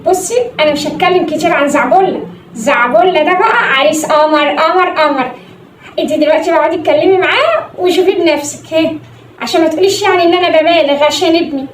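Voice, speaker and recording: A woman playing a shrill boastful groom's mother. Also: quick pace, lightly acted. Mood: boasting. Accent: Egyptian Arabic. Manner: gushing, shrill sudden outbursts. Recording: echoey room, mic at distance, faint hum.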